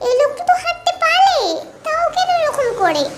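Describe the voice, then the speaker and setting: A woman's voice: very high-pitched, very animated, a little fast, very noisy, voice pushed up. A woman voicing a feisty, chatty twelve-year-old village girl who pouts and scolds, with music under the voice. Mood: pouty childish. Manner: pouting, scolding, childish.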